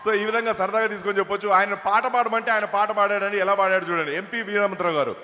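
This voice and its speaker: Male comedian on stage, high bright voice, echoey hall. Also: fairly even intonation, fast, slight background noise. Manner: chatty storytelling. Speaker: comedian and mimicry artist.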